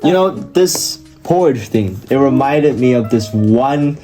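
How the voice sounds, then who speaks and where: A man hosting a casual podcast interview, relaxed and teasing, with many fillers. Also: mid-range voice, slow pace, faint music behind.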